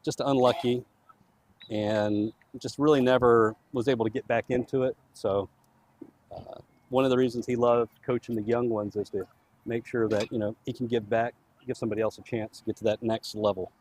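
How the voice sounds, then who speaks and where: A man's voice: mid-range voice, steady tone, moderate pace, darkish tone, no room sound. Easygoing male match commentator. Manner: chatty, easygoing, laughs easily. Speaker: play-by-play commentator for the home club. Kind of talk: casual live match commentary. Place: outdoor soccer field at a live match.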